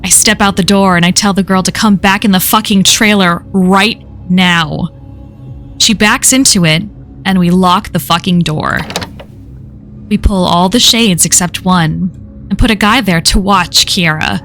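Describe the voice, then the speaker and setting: A woman reading a horror story aloud on a live stream, in a measured storytelling manner that slows at the tense moments. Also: mid-range voice, a bit bright, soft background music.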